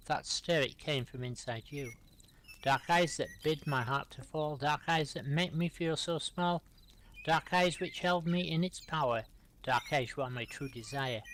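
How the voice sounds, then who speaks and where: A middle-aged man with a somewhat high speaking voice hosts a live poetry reading. He recites his own rhyming verse aloud and calmly invites the next reader between poems. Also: a little hiss or hum.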